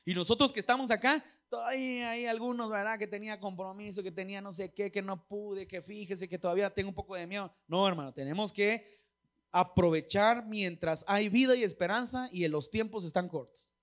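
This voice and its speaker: A high-pitched male pastor delivers a chatty sermon. He keeps checking in with his listeners, and now and then he sings short snatches of old hymns. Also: fairly quick, a bit bright. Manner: conversational preaching, asks listeners "¿sí?" often.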